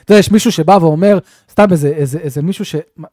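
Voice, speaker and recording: A man co-hosting a casual gaming podcast, telling game stories with animated, acted-out bits. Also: fairly high pitch, no room sound, studio quality. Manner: animated storyteller, acts out scenes. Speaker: podcast co-host.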